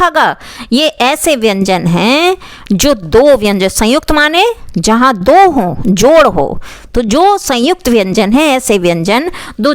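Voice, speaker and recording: A woman teaching Hindi grammar for exam preparation, who asks questions and answers them herself and sounds out letters slowly. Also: fairly high pitch, no echo, studio quality. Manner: says sounds aloud slowly and repeats them for the viewer. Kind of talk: exam-prep grammar lesson.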